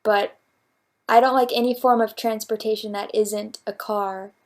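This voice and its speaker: A woman's voice: mid-range voice, fairly even intonation, moderate pace. A woman vlogger answering viewer questions at home, in a playful, rambling, jokey casual chat. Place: at home, talking to her cat.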